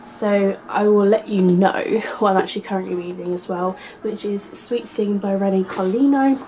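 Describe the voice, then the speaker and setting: A woman with a gravelly, husky voice, hoarse from illness, chatting casually and upbeat to her viewers as a vlogger. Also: mid-range voice, steady tone, moderate pace, warm tone, slight background noise, rough recording. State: hoarse from being ill. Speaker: book vlogger hosting own channel.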